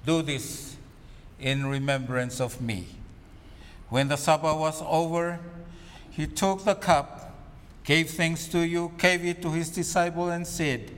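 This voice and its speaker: A man's voice: fairly high pitch, steady tone, takes it slowly. A man reciting a communion liturgy as minister, solemn and formal, phrase by phrase, with a cathedral-like echo. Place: large reverberant church. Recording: long cathedral-like echo, reverberant hall.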